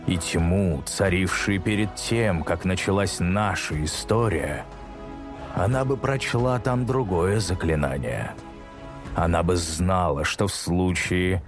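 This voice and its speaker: A man voicing a great noble male lion, speaking slowly and solemnly in a storybook reading. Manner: slow, deep and solemn.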